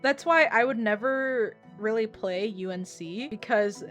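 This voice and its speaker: Woman, higher voice, casual reaction streamer, blunt, sarcastic, sweary, music underneath. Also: a little slow, a bit bright. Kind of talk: casual live reaction commentary.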